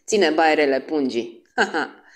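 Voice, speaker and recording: Woman playing gruff old man, hoarse and trembling; audiobook. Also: deep voice, sing-song. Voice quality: hoarse, quavering. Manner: gruff, chuckling.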